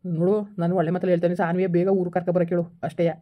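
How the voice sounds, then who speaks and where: A man's voice: high voice, flat delivery, racing. A man in a scripted family drama, angrily and insistently scolding his wife over a phone call. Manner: angry, insistent, repetitive scolding. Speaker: husband in a family skit.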